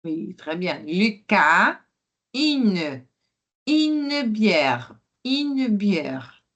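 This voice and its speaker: Slow-drilling woman teaching French. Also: mid-range voice, very animated, a bit bright. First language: Portuguese. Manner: repeats words slowly for pronunciation drills; switches between French and Portuguese explanations. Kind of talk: online language lesson.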